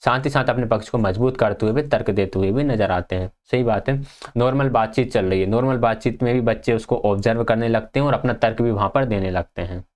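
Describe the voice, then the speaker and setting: A young man teaching an exam-prep lecture, reading notes aloud and then explaining them in a casual way. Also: mid-range voice.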